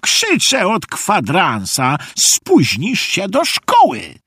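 A man voicing a bossy old grandfather in an audiobook, puffing and commanding loudly. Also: high-pitched, sing-song, takes it slowly, dry recording, clean studio sound, pitched above the performer's own voice, exaggerated voice. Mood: scolding.

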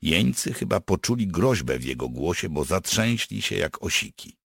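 A man narrating an audiobook with dark, wry storytelling. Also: low-pitched, very animated, moderate pace, vocal fry, husky, no room sound, studio quality. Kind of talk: scripted narration.

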